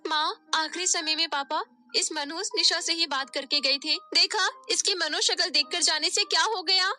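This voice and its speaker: A woman voices a spoiled young stepsister from a storybook, very high and loud, taunting and whining. The voice is bright and piercing throughout. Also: fairly even intonation, normal speed, faint music behind. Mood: taunting whiny. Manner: whiny, taunting.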